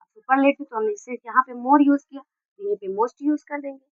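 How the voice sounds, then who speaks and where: A woman teaching English grammar in Hindi, explaining step by step and dictating example sentences slowly word by word. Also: sits high, no echo. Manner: explains step by step with many restarts. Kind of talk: Hindi video lesson on grammar. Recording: dull, dry lo-fi recording.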